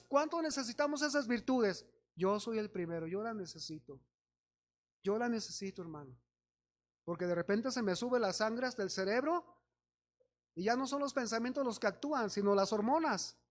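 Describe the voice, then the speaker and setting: A man with an extremely high-pitched voice and a Mexican accent preaches, acting out characters' voices as he tells stories. He exhorts his congregation, calling them brothers.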